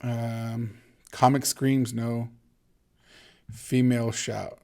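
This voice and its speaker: A man talks through an editing lesson in a loose, chatty way, thinking aloud as he goes. He often stops and restarts his sentences. His voice sits at an ordinary middle pitch. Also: little pitch movement, drawn-out words, creaky, dark tone, slight background noise. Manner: casual and rambling, with many restarts and thinking aloud. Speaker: instructor. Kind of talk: screen-recorded video editing tutorial.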